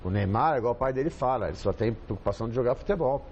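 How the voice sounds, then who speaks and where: A man's voice: medium pitch, expressive, fast, darkish tone, muffled recording, a little hiss or hum. A man with a Brazilian accent, a football coach guest chatting casually on a TV panel, rambling and repeating himself with lots of fillers. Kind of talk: casual studio chat.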